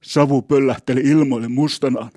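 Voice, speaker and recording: A man voicing a cheerful, hearty father who calls out brisk orders on a boat, in a husky, dark voice. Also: medium pitch, fairly even intonation, no room sound, close to an everyday voice.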